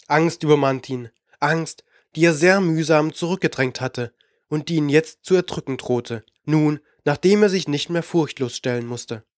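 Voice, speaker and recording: Guy narrating fantasy audiobook, measured n dramatic, bit higher voice, dry. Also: dry recording. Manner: measured, dramatic, slowing for suspense.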